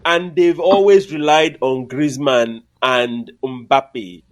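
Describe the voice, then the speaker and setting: A man co-hosting a podcast, chatting casually about sports in an emphatic, lively, opinionated way. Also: medium pitch, slow pace. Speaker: podcast co-host.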